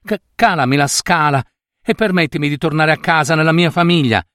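A man voicing a tender young girl in a storybook reading, raising his voice to sound high and pleading. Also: a little fast, a bit bright, no echo, studio quality, lightly acted. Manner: pleading, raised pitch, cries out.

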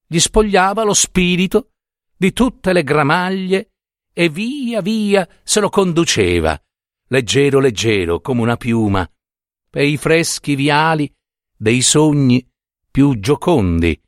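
A man reading a literary story aloud at an unhurried, deliberate pace, his pitch rising and falling widely with theatrical phrasing. The recording is dry and close, with little room sound. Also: sing-song, no echo. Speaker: narrator. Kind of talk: dramatic audiobook narration.

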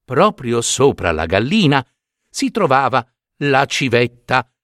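A man narrating a fairy tale in a measured, expressive storytelling manner. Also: medium pitch, no echo, clean studio sound.

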